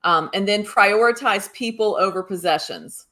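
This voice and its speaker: A woman's voice: mid-range voice, moderate pace, pushed and bright. A woman co-host and organizing coach, upbeat and explanatory, often checking in with the listener. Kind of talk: casual conversation.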